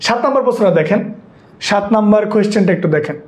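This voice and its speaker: High-voiced male teacher, roomy sound. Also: animated, very fast. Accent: Bangladeshi Bengali. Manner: keeps checking that students follow, repeats himself. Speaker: English teacher. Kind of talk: online exam-prep lesson.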